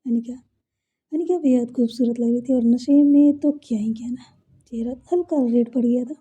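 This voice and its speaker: Female storyteller, casual serial narration; very husky, dark and mellow. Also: fairly high pitch, normal speed, lo-fi sound. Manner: conversational, warm-hearted retelling with asides.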